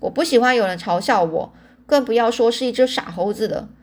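A woman reading the lines of a stubborn, wry old grandfather in an audiobook, in a plain, steady storyteller's voice. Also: fairly high pitch, fairly quick, close to an everyday voice. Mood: grumbling.

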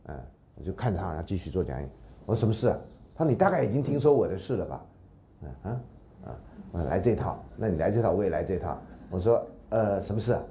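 A middle-aged man lecturing and telling a story, acting out the people he quotes with lively shifts in his voice. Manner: animated, acts out quoted voices with jumps in pitch. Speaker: university lecturer. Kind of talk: lecture storytelling with acted dialogue. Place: lecture hall.

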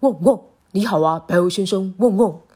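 A woman voicing a big friendly male dog in a children's story, talking loudly with barks mixed in. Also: mid-range voice, moderate pace, slightly rough, close to an everyday voice. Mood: earnest. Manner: loud, barking.

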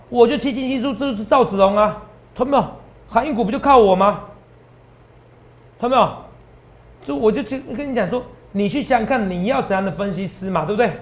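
A man with a Taiwanese Mandarin accent hosting a stock-tips show, animated and boastful, lecturing viewers like students. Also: sits high. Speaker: stock market analyst host.

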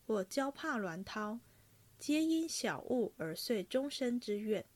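A woman reading a classic novel aloud in a measured, even storytelling voice. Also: medium pitch.

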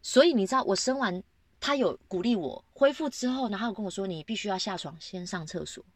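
A woman co-hosting a casual podcast chat, telling a lively story and acting out the quotes. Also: brisk, no echo. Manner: lively storytelling, acts out quotes with big pitch jumps. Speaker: podcast co-host.

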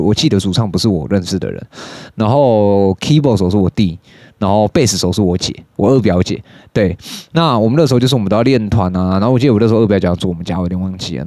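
A young man with a Taiwanese Mandarin accent tells a casual, rambling story into a close, dry studio mic. His voice sits fairly low, and he curses freely between his stories. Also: warm tone, no echo. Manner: swears often, jumps into high-pitched mimicry of others. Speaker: podcast host.

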